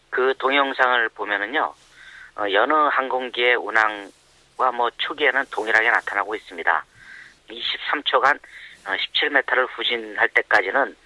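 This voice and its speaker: Anonymous male interviewee, voice disguised by a pitch changer, harsh and bright, dry and close. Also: no echo, poor audio. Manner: measured, with frequent hesitant "uh" fillers. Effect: voice disguised by pitch altering. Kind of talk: explanatory interview answers.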